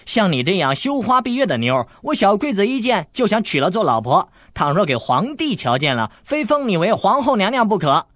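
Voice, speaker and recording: 男声扮演的爱逗人的少年小太监, 嗓音略沙哑, 录音干. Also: male voice, on the high side, big pitch swings, fairly quick, a bit bright, no room sound. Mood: teasing. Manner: teasing, boastful, playful. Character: cheeky scheming teenage boy eunuch.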